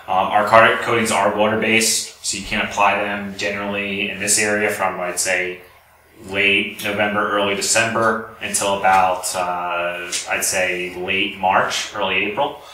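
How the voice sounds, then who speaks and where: In a lecture room with an audience, a male company representative delivers an informal technical talk, explaining things at a slightly slow pace. His fairly low voice is bright and forceful but shows little pitch movement. A far-off microphone picks up a roomy sound and faint background noise.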